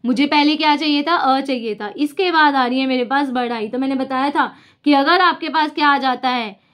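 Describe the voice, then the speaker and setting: A young woman teaches a casual lesson with a high voice. She works through examples one by one, asking a question and then answering it herself. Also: fairly quick, a bit bright.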